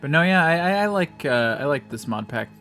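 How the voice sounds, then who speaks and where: A man's voice: on the high side, animated, a little fast, bright, forceful tone, faint music behind. A young American man giving casual, rambling, self-mocking commentary while he streams a game, swearing freely. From United States.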